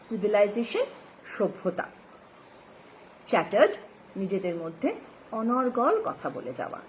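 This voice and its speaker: A woman with a Bengali accent teaches an English lesson in class, reading lines slowly, spelling out words letter by letter, and explaining the text and vocabulary. Her pitch rises and falls a lot in a sing-song way. The recording is low quality, with a faint hiss underneath.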